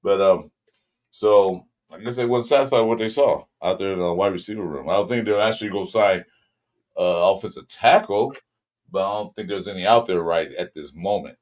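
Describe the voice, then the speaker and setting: Deep-voiced laid-back Southern California podcast host. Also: male voice, a little fast, a little mellow. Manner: loose, rambling delivery with many ums, greets viewers mid-talk. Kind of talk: casual sports podcast chat.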